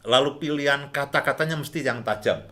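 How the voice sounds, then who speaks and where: A middle-aged man hosting a relaxed talk on marriage, chatty and repeating his points with frequent chuckles. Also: medium pitch, a little fast. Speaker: host, marriage counselor.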